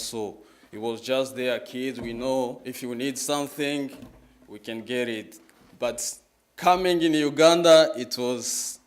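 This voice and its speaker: Sharing his testimony at a church as a guest speaker, a man in his twenties with a Congolese accent talks publicly in simple words. His voice is fairly low in pitch, and he is halting, going back over his phrases.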